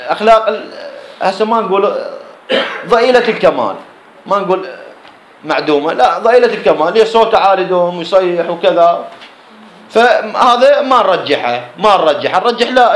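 Speaking quickly in a high register, an Iraqi Arabic-accented jurisprudence teacher works through a text line by line. He raises his own questions and supplies the answers, his classroom lecture echoing around the room.

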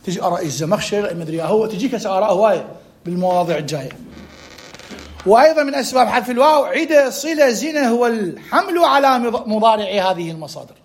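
Iraqi guy teaching grammar class, kinda high voice, keeps repeating the rule and asking so what happens. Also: expressive, quick pace. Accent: Iraqi Arabic. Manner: drills rules by repetition with rhetorical questions. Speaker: religious seminary teacher.

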